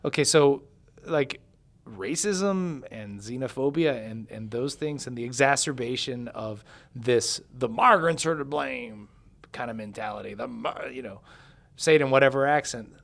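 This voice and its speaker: A man's voice: mid-range voice, moderate pace, vocal fry. A male musician guest in an interview, earnestly recounting an experience and translating for his partner. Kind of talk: conversational interview.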